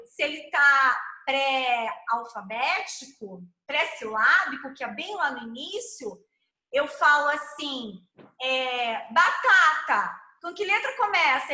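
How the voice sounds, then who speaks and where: A woman's voice: high-pitched, sharp tone, echoey room, rough recording. A woman with a Brazilian Portuguese accent explaining literacy teaching methods in an explanatory, patient way, stretching sounds out as she models syllables. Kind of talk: online teaching chat.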